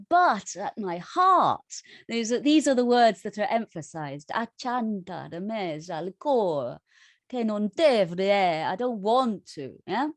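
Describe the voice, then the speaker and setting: A woman's voice: medium pitch, no echo, studio quality. A woman tutoring an online music workshop, explaining thoughtfully with frequent restarts and self-corrections.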